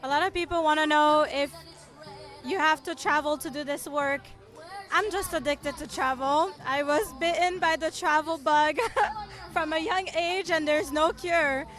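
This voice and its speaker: Woman from France, high voice, enthusiastic guest, music playing behind. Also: a little slow, fairly bright tone, some chatter behind. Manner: enthusiastic, explanatory. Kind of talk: casual interview at an outdoor event. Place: outdoor park event.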